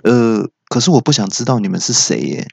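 A man's voice: medium pitch, sing-song, brisk, creaky, darkish tone, no room sound. A man voicing a dithering goofy monk dentist. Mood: offhand. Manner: dithering, stammering, offhand. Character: goofy absent-minded male monk dentist. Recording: dull lo-fi podcast audio.

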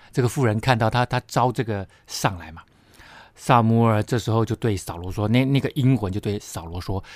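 A man's voice: medium pitch, darkish tone, no room sound. A man teaching a Bible study lesson, explaining step by step with frequent tag particles and emphatic asides.

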